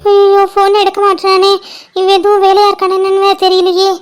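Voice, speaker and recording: A woman's voice: extremely high pitch, completely flat delivery, a little fast. A woman voicing a flustered middle-aged mother who frets and exclaims in worry in a cartoon. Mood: fretful. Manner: fretful, exclaiming. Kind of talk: cartoon voice acting.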